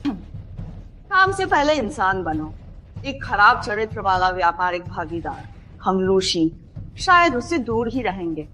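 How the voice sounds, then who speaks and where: A woman's voice: medium pitch, very animated, takes it slowly, pushed and bright, heavily acted. A woman voicing a cold, authoritative businesswoman in a dubbed drama. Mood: stern.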